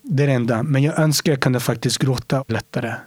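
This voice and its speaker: A man being interviewed, talking earnestly and reflectively, often sinking to a soft whisper to stress a point. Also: medium pitch, husky, dry recording. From Sweden. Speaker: interview guest.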